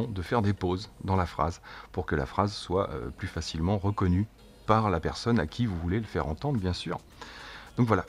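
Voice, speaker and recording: A man casually demonstrating a gadget as a tech reviewer, chatty and jokey, and speaking his test phrases slowly and clearly. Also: deep voice. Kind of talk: casual product demo.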